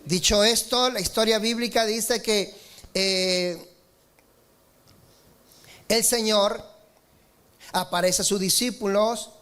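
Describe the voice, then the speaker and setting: Male pastor mid-sermon, high pitch, emphatic, calls for amens. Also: fairly even intonation, pushed and bright. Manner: preaching with rises in pitch and slowed emphatic lines, asking the congregation for amen.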